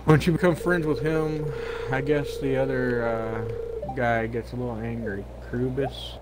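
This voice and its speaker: A man's voice: medium pitch, steady tone, a little slow, heavy background noise. A man hosting a let's play, chatting casually and joking with a friend while he plays. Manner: joking, playful banter. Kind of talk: casual gaming chat.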